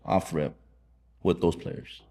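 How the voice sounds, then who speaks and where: A man's voice: slow pace, dark tone. A man, a soccer team manager, talking bluntly and confidently on a podcast. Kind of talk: casual podcast chat.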